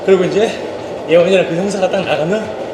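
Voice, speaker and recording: A man telling behind-the-scenes stories casually while slow running, acting out bits of dialogue as he goes. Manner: animated retelling, acting out quoted dialogue. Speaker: actor vlogging about his drama work. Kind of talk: casual storytelling chat to camera. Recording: echoey, noisy with rumbling ambience.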